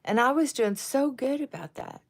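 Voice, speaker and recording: A woman in her sixties chatting casually on a livestream while she does her makeup, rambling from one tangent to the next and sometimes dropping to a soft murmur. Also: high-pitched, expressive, moderate pace, gravelly, a little hiss or hum. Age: 60s. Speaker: livestream host.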